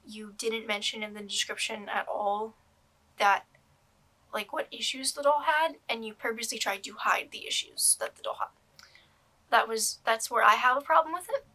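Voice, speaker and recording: A young woman with a bright, slightly high voice talks through a disappointing purchase in a loose, rambling way. She hedges and restarts often, filling pauses with ums and likes, like a casual chat with viewers. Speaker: doll collector vlogger. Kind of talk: casual vlog review.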